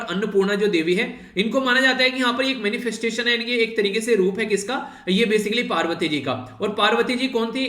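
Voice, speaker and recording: A man's voice: high voice, sharp tone, roomy sound. A man teaching a current affairs lecture for exam students in a conversational way, often repeating filler words and addressing the students directly.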